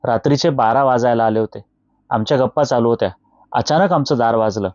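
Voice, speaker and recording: A man narrating a scripted horror story in a steady, measured way, with faint music behind. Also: medium pitch, no echo, dull audio.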